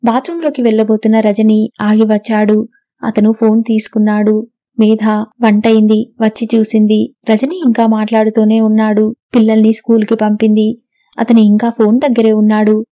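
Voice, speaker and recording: A woman reads a novel aloud in steady, even storytelling. Her voice is mellow and fairly high, with a flat, level line. The recording is dry and a little dull. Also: normal speed, no room sound. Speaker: audiobook narrator. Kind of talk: scripted narration.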